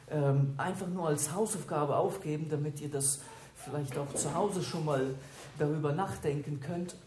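Woman preacher going through a bible passage bit by bit, slow, roomy echo, faint noise behind. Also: deep voice, warm tone. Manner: explains step by step, slows down to repeat scripture. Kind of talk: expository Bible teaching. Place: church gathering with children nearby. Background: faint room noise.

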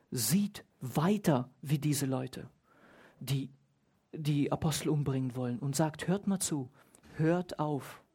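With a warm, husky, mid-range voice, a Bible teacher reads passages aloud and explains them, emphasizing particular words and asking the audience questions during the study session.

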